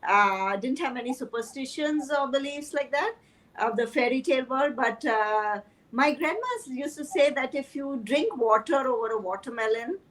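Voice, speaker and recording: A woman's voice: sits high, normal speed, a bit bright, poor audio. A woman who is a life coach, speaking as a guest in a casual chat, thoughtful and hesitant, with fillers.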